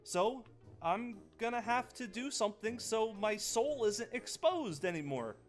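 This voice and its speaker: A man voicing an eager, naive ghost in an improvised game roleplay, rambling and pleading excitably. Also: high voice, unhurried, soft background music. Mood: sheepish, upbeat. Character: eager, naive male ghost possessing an animatronic fox.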